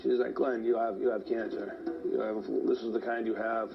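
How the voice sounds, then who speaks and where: A man's voice: lowish voice, little pitch movement, moderate pace, gravelly. A man, out of breath, telling his own story in an interview with lots of "like" fillers. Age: 40s. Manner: rambling, fillers like "like". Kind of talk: personal account in an interview. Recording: dull lo-fi sound, faint hiss.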